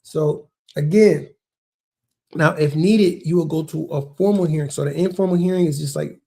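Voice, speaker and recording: A man's voice: a little high, moderate pace, creaky, dark tone. A man, a realtor hosting his own video, explaining a process in a loose, conversational way, often repeating words and saying "man" and "bro.". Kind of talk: casual explainer talk. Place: lives near a large Texas city.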